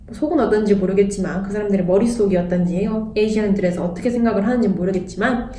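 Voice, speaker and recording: A woman's voice: mid-range voice, fast talker, mellow, a little hiss or hum. A young Korean woman talking candidly in a casual vlog, blunt and sarcastic at times. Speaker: vlogger. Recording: echoey room, voice a bit distant.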